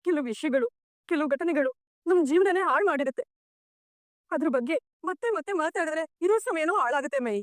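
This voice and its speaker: An actress playing a sorrowful, tender middle-aged mother in a TV serial, speaking softly and pleadingly. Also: high voice, expressive, fairly quick, no echo, studio quality. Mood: tearful. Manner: soft, pleading, tearful at times. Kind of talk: TV serial acting.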